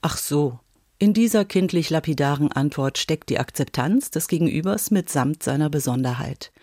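A woman reading a scripted radio book review in a measured, composed way. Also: deep voice, expressive, a little mellow, dry recording, studio quality. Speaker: book critic.

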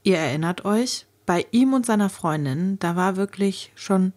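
A woman host giving calm scripted narration and addressing viewers directly. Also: medium pitch, moderate pace. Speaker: show host.

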